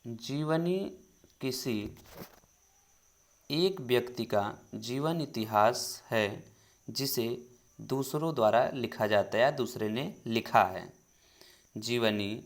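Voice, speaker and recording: Male teacher reading out grammar definitions, slow and patient, repeats each line. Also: medium pitch. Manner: slow, repeats definitions, calls students "children". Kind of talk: Hindi grammar lesson.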